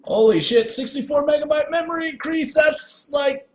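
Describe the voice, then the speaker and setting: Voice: sits high, moderate pace. Echoey, sarcastic gamer commentator. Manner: sarcastic, sweary, amused. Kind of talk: casual gameplay commentary. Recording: echoey room.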